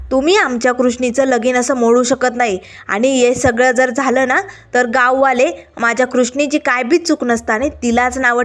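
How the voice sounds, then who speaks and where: A woman's voice: a little high, a bit bright, natural voice. A woman voicing a fiery young village woman who confronts people indignantly.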